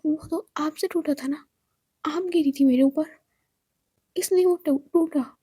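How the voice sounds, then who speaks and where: Woman voicing a nervous junior employee, soft and pleading, high voice, in whispered role-play. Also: a little slow, dry recording, studio quality. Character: timid young woman office employee.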